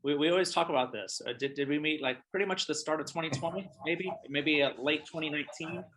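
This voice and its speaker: A man's voice: a little high, quick pace, a bit bright, slight background noise. A man hosting an interview as a realtor, talking casually and hesitantly with repeated words and fillers.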